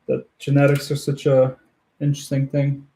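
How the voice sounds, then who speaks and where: Livestream host, man from Ukraine; mellow, dark tone, easygoing chatter with frequent laughs. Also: medium pitch, completely flat delivery, moderate pace, creaky. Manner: friendly, chatty, laughs often while building. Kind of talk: casual chat with live viewers.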